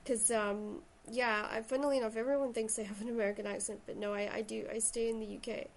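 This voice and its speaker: A woman's voice: on the high side, little pitch movement, fast, a little hiss or hum. A woman with a Shetland accent chatting casually and enthusiastically about books as a host. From Shetland, Scotland. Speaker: podcast host and writer. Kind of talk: casual book chat.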